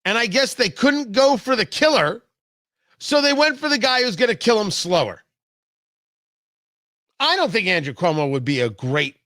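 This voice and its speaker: An American radio host from New York and New Jersey delivers an opinionated political monologue, emphatic and theatrical, repeating phrases for effect. His voice sits high with a sharp tone, recorded as clean studio sound with no room sound.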